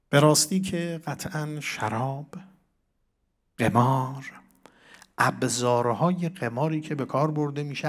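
A man giving a religious lecture on a Quran verse, reciting Arabic verses and putting questions to his listeners that he answers himself. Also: mid-range voice. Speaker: cleric teaching Quran commentary.

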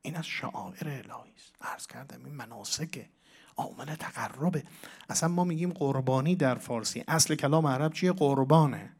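A man's voice: medium pitch, slightly rough. A man giving a religious lecture on scripture as a Quran teacher. He explains step by step, repeats key words for emphasis and asks his listeners questions.

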